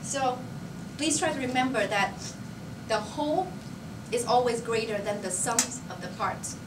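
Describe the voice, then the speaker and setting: A woman's voice: on the high side, a little slow. A young woman giving a motivational speech to her colleagues. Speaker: company employee addressing colleagues. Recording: roomy, noisy recording from far off.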